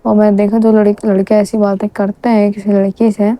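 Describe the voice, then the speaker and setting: A woman's voice: medium pitch, little pitch movement, brisk, no room sound, muffled recording. A young woman giving casual dating advice straight to the listener. She talks in a chatty, rambling way, often correcting herself mid-sentence. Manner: chatty, keeps calling the listener "bhai"; rambling, with frequent restarts and self-corrections. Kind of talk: casual advice monologue to camera.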